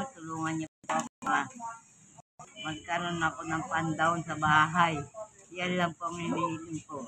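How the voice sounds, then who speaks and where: Woman from the Philippines, pleading appeal to viewers, outdoor street take with heavy traffic noise. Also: low voice. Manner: pleading, repeats thanks and names. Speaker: woman asking viewers for help.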